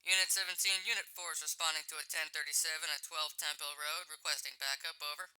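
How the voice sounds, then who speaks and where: A man's voice: fairly high pitch, steady tone, fast, pushed and bright, clean tone, poor audio. A man playing a police dispatcher heard over a radio, speaking in clipped call signs and codes. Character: male police radio dispatcher, brisk and procedural.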